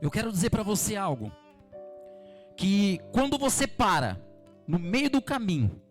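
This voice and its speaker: High-voiced Brazilian preacher exhorting fervently. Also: male voice, sing-song, measured pace, faint music behind. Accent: Brazilian Portuguese. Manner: fervent, repetitive exhortation addressing the congregation. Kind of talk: evening church sermon. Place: church service.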